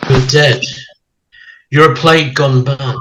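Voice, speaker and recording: A man's voice: mid-range voice, fairly even intonation, slow pace, natural voice. A man playing a relentless, bullying interrogator in a play reading, hard and accusatory like a tough cop. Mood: cold menace. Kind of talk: amateur dramatic play reading. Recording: clearly noisy recording with clicks.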